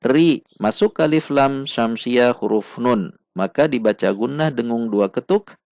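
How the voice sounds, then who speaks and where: A man leads a slow, step-by-step recitation lesson, his gravelly voice recorded close and dry. He sounds out each syllable with care and repeats it until it is exact. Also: mid-range voice, darkish tone, no echo. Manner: patient, repeats syllables slowly and precisely. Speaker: Quran recitation teacher.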